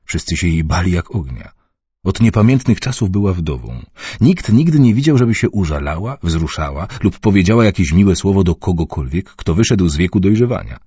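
A man narrates a novel in a very deep, husky voice. His reading moves with lively pitch. The sound is dry and a little dull. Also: no echo. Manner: measured, expressive reading. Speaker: audiobook narrator. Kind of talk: scripted narration. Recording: dull muffled recording.

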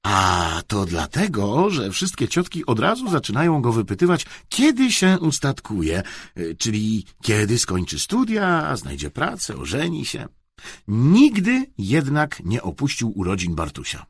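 A man narrating a children's audiobook story in an expressive, measured way. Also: mid-range voice, husky, no echo, clean studio sound.

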